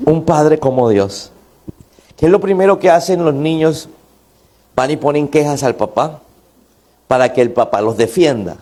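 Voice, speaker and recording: A male pastor, preaching an impassioned sermon that rises to near shouts. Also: fairly high pitch, moderate pace, long pauses.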